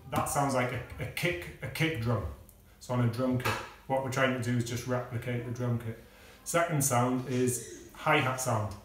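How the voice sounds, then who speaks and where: A man's voice: medium pitch, fairly even intonation, noisy background. Guy teaching a beatbox lesson, kinda far from the mic, really echoey kitchen. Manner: measured, explaining step by step with pauses and fillers. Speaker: music teacher. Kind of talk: casual video lesson. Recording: echoey room, speaker away from the mic.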